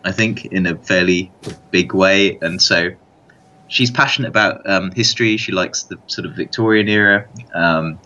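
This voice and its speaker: A man talking in a measured way on a podcast, hedging often with "sort of" and "kind of". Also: deep voice, sharp tone, slight background noise. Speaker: podcast panelist. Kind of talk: casual podcast chat. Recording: dull lo-fi sound.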